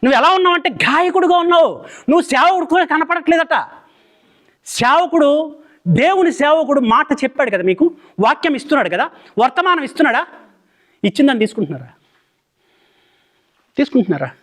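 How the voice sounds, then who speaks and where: A man's voice: very high voice, sing-song, brisk, long pauses, a bit bright. A man preaching a fiery sermon in Telugu, firing rhetorical questions at the congregation.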